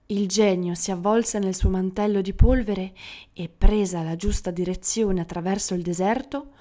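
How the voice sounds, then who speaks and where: A woman storyteller reading a fable aloud in an expressive, theatrical storybook style. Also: mid-range voice.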